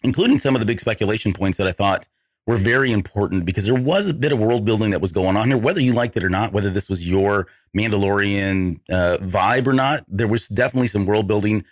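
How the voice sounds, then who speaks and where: Hoarse man hosting a podcast. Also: on the low side, quick pace, no room sound, clean studio sound. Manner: rambling, self-correcting, relaxed. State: hoarse from allergies. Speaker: podcast host. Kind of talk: casual podcast chat.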